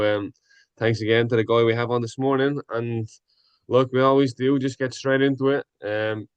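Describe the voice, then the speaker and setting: A man hosting a podcast, opening the show in an upbeat, quick way and thanking his guest. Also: medium pitch, smooth, no room sound, lo-fi sound. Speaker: podcast host. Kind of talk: casual podcast intro.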